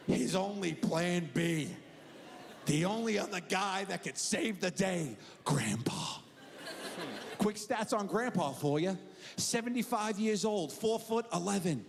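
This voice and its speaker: A man's voice: sits high, gravelly, a little hiss or hum. A middle-aged man performing stand-up comedy, telling a story and acting out the voices in it. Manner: animated, acts out voices in his story.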